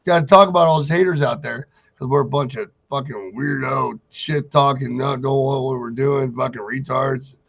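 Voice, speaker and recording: A man's voice: medium pitch, normal speed, gravelly, hardly any pauses, a bit bright. A man co-hosting a trucking talk show in casual banter, rambling and blunt, with heavy swearing. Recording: dull lo-fi audio.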